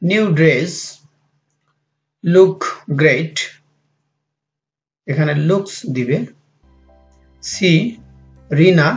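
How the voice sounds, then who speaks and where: A man with a Bangladeshi accent teaching a school English lesson. He reads the English lines slowly and then translates them quickly into Bangla. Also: fairly high pitch. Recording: muffled lo-fi audio with faint music.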